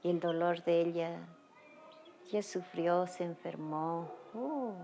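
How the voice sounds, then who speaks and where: A woman's voice: lowish voice, slow pace, warm tone, a little hiss or hum. A middle-aged Ecuadorian woman giving documentary testimony, emotionally retelling events through quoted dialogue. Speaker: victim's mother interviewed.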